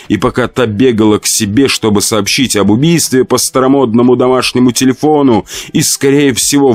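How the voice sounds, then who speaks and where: A man reading a first-person horror story aloud, expressive and dramatic. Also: on the low side, no echo. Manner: expressive, acts out shouts and laments. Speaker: audiobook narrator.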